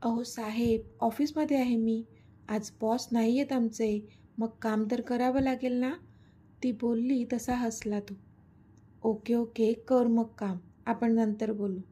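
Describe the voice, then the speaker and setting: A woman's voice: a little high, fairly even intonation, slow pace, mellow, breathy edge. A woman reading a romantic serial story aloud, speaking every character's lines in her own voice. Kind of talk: scripted story narration with voiced dialogue.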